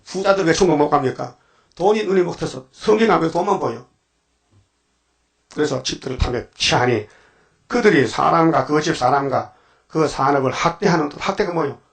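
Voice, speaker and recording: Older male pastor, dawn sermon, slightly high voice, jabbing rhetorical questions. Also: normal speed, creaky. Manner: preaching with rhetorical questions and sudden emphatic bursts.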